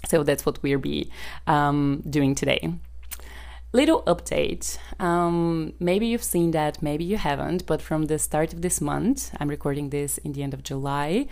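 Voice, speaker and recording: A young Bulgarian woman, a native Bulgarian speaker, hosts her own podcast as a business coach and explains a method in a chatty, conversational style with frequent ums. Her voice is low-pitched and darkish, with vocal fry and a measured pace.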